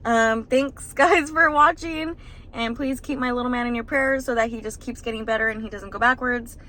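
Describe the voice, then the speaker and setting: Bright-voiced shaken young mother. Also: fairly high pitch, moderate pace, low-quality recording. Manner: rambling, emotional retelling with many fillers. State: stressed and shaken. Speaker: vlogger, new mother. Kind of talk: casual vlog storytelling.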